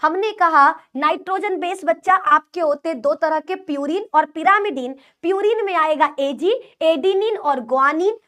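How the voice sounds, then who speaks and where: High-voiced Hindi biology teacher woman. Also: unhurried, few pauses, bright, forceful tone. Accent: UP-Bihar Hindi. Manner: repetitive, call-and-response teaching with mnemonic jokes. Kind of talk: online class lecture.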